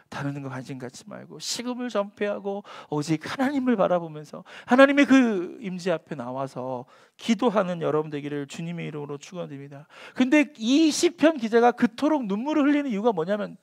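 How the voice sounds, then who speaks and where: A man with a notably high voice preaches a sermon as a pastor. He shifts between soft, near-whispered lines and loud, forceful emphasis. He also voices quoted taunts in a sneering tone. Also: creaky.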